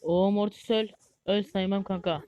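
A woman giving live gameplay commentary as a gaming YouTuber, excitable and easily frustrated, chatting to viewers like friends. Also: medium pitch, normal speed, clean tone, faint music behind.

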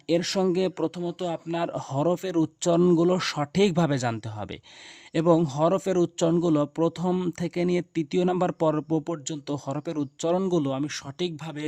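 A man teaching Quran letter sounds, drilling syllables in quick repeated chants and firmly correcting mistakes, with a Bangladeshi Bengali accent. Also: on the high side, darkish tone, dry recording. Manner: firm, insistent corrections. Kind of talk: instructional lesson.

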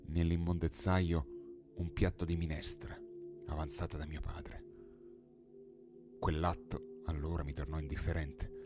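A man with a very low voice reads a dark old tale aloud, impassioned and dramatic. Clear singing bowl music hums beneath his words. It is a studio audiobook narration. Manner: impassioned, swelling to loud pleading in dialogue. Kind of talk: dramatic audiobook reading of a 19th-century tale.

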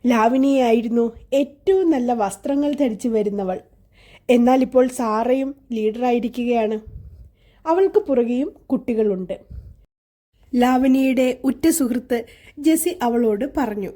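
Slow, high-voiced woman reading a children's story. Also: dark tone. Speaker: audiobook narrator. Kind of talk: storybook narration.

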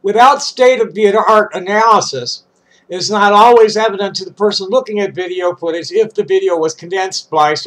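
This older man, a vlogger with a congested, stuffy voice, reads out a statement while dropping casual remarks along the way. His voice runs on the high side with a fairly bright tone, and the recording is rough. He's indoors in a small, cluttered room.

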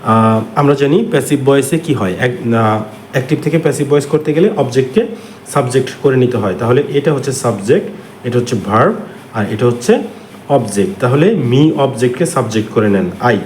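A man with a Bangladeshi accent, teaching English grammar by walking through exam answers step by step with frequent filler pauses. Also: mid-range voice, lively intonation, darkish tone. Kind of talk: exam question walkthrough lesson. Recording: echoey room with faint ambient noise.

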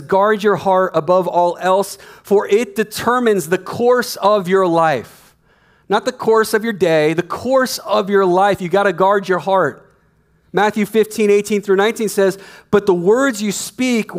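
Emphatic high-voiced pastor preaching. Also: male voice. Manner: emphatic, repeats key phrases, walks the stage gesturing. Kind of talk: sermon. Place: church stage. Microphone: headset mic.

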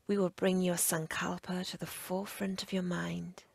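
Speaking in a breathy, husky near-whisper, a woman leads a yoga nidra relaxation meditation with short, measured, soothing phrases. Her pitch is on the low side and her delivery flat, with no room sound.

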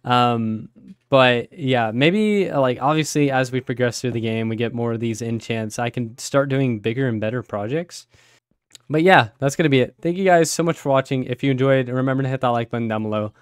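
A man with a raspy, tiring voice giving casual, chatty commentary while playing a game, with quick surprised exclamations. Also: medium pitch, no echo, studio quality. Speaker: gaming channel host. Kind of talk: casual Let's Play commentary.

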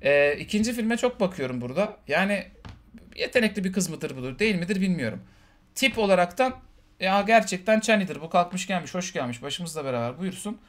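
A man in casual conversation about a film, animated and quick to mimic characters in passing. His voice sits high for a man, and the words tumble out at a rapid clip. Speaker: podcast co-host. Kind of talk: casual film review chat.

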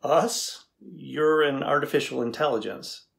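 A middle-aged man speaks a little slowly in a higher voice with vocal fry, playing a tech engineer who interviews an AI in a scripted dramatization. He's inquisitive and matter-of-fact, with a probing, skeptical mood, indoors against a plain backdrop.

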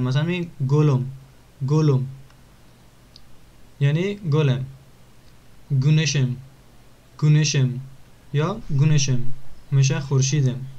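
A man teaching an online language lesson, repeating words slowly and clearly for pronunciation. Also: a little high, a little mellow, lo-fi sound.

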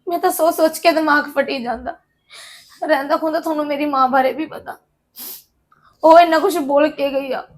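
A woman's voice: high-pitched, natural voice. An actress playing a worried young married woman who pours out her anxieties to her aunt in a Punjabi drama. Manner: anxious, pleading.

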